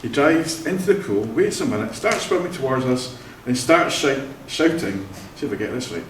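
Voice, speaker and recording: Crowd noise surrounds a Scottish wedding celebrant as he leads a vow renewal in a church hall, telling family stories cheerfully and laughing frequently. His medium-pitched voice swings widely in pitch at a moderate pace. The room is echoey and the mic is at a distance.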